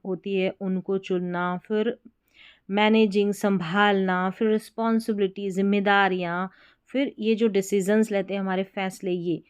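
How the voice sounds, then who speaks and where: A woman's voice: mid-range voice, smooth, no echo. A woman with a Hindi accent teaching English pronunciation, spelling out words letter by letter and explaining each one patiently. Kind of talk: slow spelling and pronunciation lesson.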